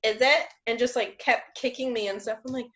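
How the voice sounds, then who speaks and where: A young woman co-hosting a homemade podcast, chatting and telling stories in a blunt, joking way. Her voice sits a little high for a woman, though she calls it deep. The recording is muffled and lo-fi. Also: steady tone, brisk, a bit bright. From Florida. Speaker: podcast co-host. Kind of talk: casual chat.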